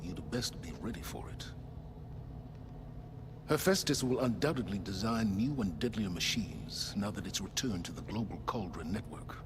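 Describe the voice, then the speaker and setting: A man acting as an aloof, calculating older scholar in a video game, with a very low voice that swings expressively. He speaks formally and with grand self-assurance. There is clear noise behind him. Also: expressive, lightly acted. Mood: grave, satisfied. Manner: measured, formal, portentous. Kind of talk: video game character dialogue.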